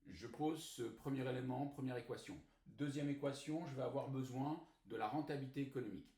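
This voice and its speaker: A man explains a formula in a recorded lesson, working methodically and filling his pauses with hesitant sounds. His voice sits at an ordinary middle pitch. The room echoes around him, with a faint hiss of noise behind. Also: dark tone. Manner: methodical, frequent hesitant fillers. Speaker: finance teacher.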